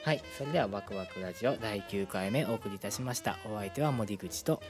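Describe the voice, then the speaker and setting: Low-voiced Kansai-accented radio host. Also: male voice, a little fast, music in the background. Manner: relaxed, friendly, polite when closing the show. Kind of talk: casual chat.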